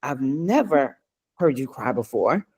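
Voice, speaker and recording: A woman's voice: very deep voice, big pitch swings, a little slow, a little mellow, breathy edge. A middle-aged woman co-hosting a casual chat, telling a personal story earnestly with many restarts and asides. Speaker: co-host.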